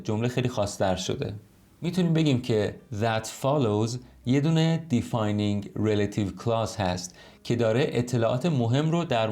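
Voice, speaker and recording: A man teaching an online English lesson in Persian, explaining patiently and slowing right down to model English sentences. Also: mid-range voice, a little mellow.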